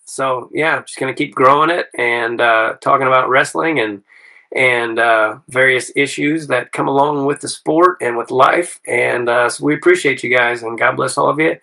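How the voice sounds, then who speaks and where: A man's voice: medium pitch, moderate pace, creaky, bright, forceful tone, rough recording. A middle-aged man hosting a casual interview podcast, friendly and rambling, with lots of "uh" and "man". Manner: friendly, rambling with many fillers. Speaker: podcast host.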